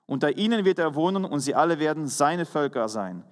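Male preacher, high voice, earnest and emphatic delivery, long hall reverb. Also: expressive. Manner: earnest, emphatic preaching with pauses and self-corrections. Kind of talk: sermon.

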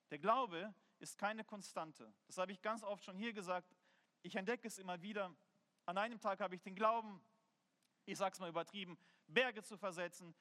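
A man's voice: sits high, bright, forceful tone. A man preaching a sermon in an earnest, conversational way, telling personal stories. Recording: long hall reverb.

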